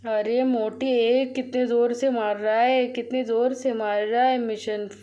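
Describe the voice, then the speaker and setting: Excitable woman narrating her game. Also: fairly high pitch, measured pace, lo-fi sound. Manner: excitable, frequent cries and repeated words; addresses viewers as friends, chatty. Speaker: gaming channel host. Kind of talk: live commentary while playing a mobile game.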